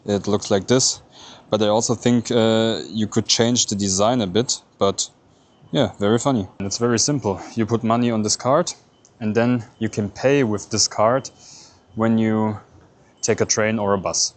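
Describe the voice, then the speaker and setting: A man whose first language is German narrates a casual travel vlog at an airport and on a busy city street, explaining each step as he goes. His fairly low voice has fairly even intonation and a moderate pace.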